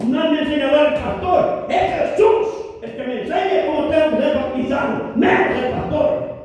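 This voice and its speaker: A high-pitched man delivers an emphatic church sermon, swinging into loud shouts and tossing in brother and hallelujah. He is heard from well back in a large, reverberant hall. The sound is roomy and distant. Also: moderate pace. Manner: emphatic, bursts into shouting, peppers speech with "hermano" and "aleluya". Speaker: preacher. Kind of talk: evangelistic sermon. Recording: echoey hall, voice from far off the mic.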